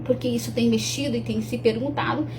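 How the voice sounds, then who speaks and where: A young woman talks earnestly and directly to the camera. Her voice sits a little high but sounds mellow and warm. She often restarts her sentences and adds tag questions, while a faint hum runs underneath. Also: fairly even intonation, brisk. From Rio Grande do Sul, Brazil. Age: young adult. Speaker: speaker promoting her talk. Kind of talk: casual to-camera talk.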